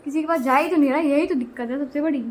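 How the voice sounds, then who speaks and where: A woman's voice: sits high, rapid-fire, darkish tone, a little hiss or hum. A young woman chatting casually in her vlog, teasing and laughing often, recorded on a phone. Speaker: vlogger.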